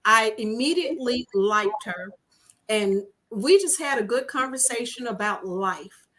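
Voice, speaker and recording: Woman guest telling her story, fairly high voice, keeps saying "i said". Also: measured pace, rough recording. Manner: animated, repeats "I said" as she retells dialogue. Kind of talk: personal storytelling in an interview.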